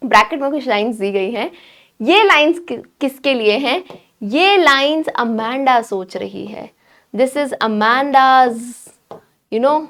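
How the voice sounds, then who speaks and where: Young woman teacher, high bright voice, patient, explains a poem step by step. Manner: explains patiently, keeps checking in with students. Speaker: English teacher. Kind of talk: Hinglish poetry lesson.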